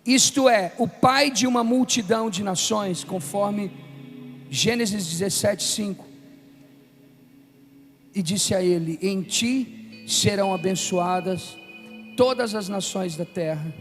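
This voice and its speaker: This is live preaching from a large, reverberant room: a high-pitched Brazilian man in his fifties gives a declamatory, emphatic sermon, pausing deliberately. His scripture readings are forceful, and there's call-and-response, all heard through long hall reverb over background music.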